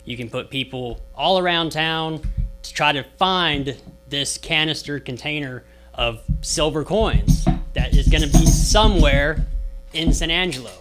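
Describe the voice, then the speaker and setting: A man's voice: on the high side, measured pace, a bit bright, faint music behind. A man co-hosting a casual studio chat, laid-back and playful, with self-deprecating jokes. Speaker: co-host.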